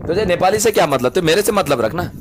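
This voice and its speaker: A man's voice: high voice, animated, fast, noisy background. A man livestreaming on a phone, arguing heatedly and cutting in again and again. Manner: argumentative, keeps cutting in and repeating himself. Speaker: livestreamer in a live battle. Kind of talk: heated live argument.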